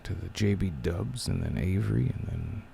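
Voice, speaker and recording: A very deep, heavily gravelly male voice that moves slowly and sounds dark and mellow. He hosts a relaxed podcast chat, rambling and trailing off, close enough to the mic that his breathing comes through. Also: a little hiss or hum. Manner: rambling, laid-back, trailing off. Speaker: podcast host. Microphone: close mic, breathing audible.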